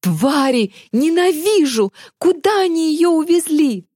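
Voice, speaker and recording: Woman voicing a teen boy yelling in a rage, pitched way up, dry close sound. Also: lively intonation, a little slow, dry recording. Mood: furious. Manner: shouting, raw and anguished. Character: hot-headed teenage boy, desperate and furious.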